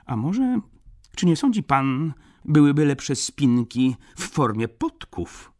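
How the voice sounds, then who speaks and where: A man reading an audiobook, voicing a flustered, absent-minded older baron in a high, fussy, nervous voice. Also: big pitch swings, slow pace, a little mellow.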